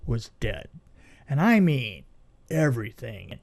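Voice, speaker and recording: Speaking slowly in a gravelly, mid-range voice, this middle-aged man tells stories from his years in film effects while a guest on a podcast. His retellings are lively, full of repeated phrases and quotes he acts out.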